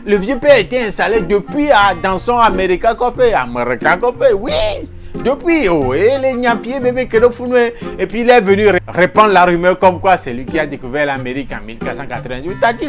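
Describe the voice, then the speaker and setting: A man telling a made-up history as a comic story, animated and repeating words for laughs. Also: high-pitched. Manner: animated, repeats words for comic effect, mimics local accents. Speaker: comedian telling a mock history.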